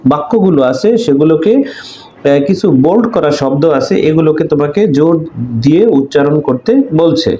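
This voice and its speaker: A man teaches an English textbook lesson, explaining in Bengali and then reading English sentences very slowly, leaning on the stressed words. His voice is mellow and rather high, with a lively, swinging pitch. The recording sounds echoey, like a bare room. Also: slight background noise. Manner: hesitant fillers between phrases.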